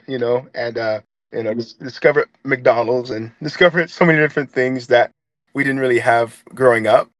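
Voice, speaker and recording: An interview guest who grew up in Trinidad speaks with a light local accent, telling his story earnestly and stumbling through fillers and restarts. He's young, with a medium-pitched voice. The sound is dry and dull.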